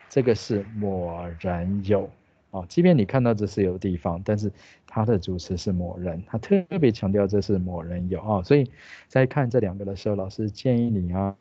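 A man with a Taiwanese Mandarin accent teaching an English grammar lesson, explaining patiently and repeating English words slowly. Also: on the low side, mellow, slightly rough, highs cut off.

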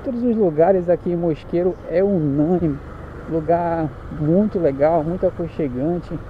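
A chatty man with a Paraense Brazilian accent, a little higher-pitched than most men, talks while riding a motorcycle through the streets. He jokes and corrects himself as he goes. The sound is muffled, with loud engine and traffic noise behind him. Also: unhurried. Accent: Paraense Brazilian Portuguese. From Pará, Brazil. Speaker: motorcycle vlogger. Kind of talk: casual chat while riding.

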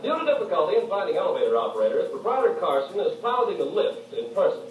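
A man playing a pompous, brisk store announcer in 1940s radio comedy, on an old recording. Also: high-pitched, big pitch swings, very echoey, recorded from a distance, highs cut off, slight background noise. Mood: grandiose. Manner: grandiose, rapid announcer delivery.

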